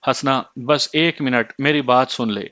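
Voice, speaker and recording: A man's voice: mid-range voice, steady tone, fairly bright tone, dry recording, close to an everyday voice. A man reading the part of a remorseful estranged husband who pleads and implores, in a slightly muffled dry recording.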